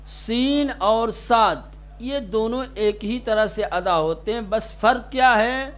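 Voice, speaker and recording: A stern male recitation teacher with a noticeably high voice leads a classroom lesson. He draws out each letter sound slowly to demonstrate it and snaps at inattentive students. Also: a bit bright. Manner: stern, scolds students sharply.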